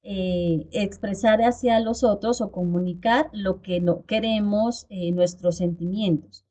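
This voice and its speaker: A woman's voice: mid-range voice, measured pace, warm tone. A woman teaching an online class, explaining step by step and often checking in with her listeners. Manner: explanatory, frequent check-ins with "¿sí?" and "¿cierto?". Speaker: instructor. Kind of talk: online video lecture. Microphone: video call.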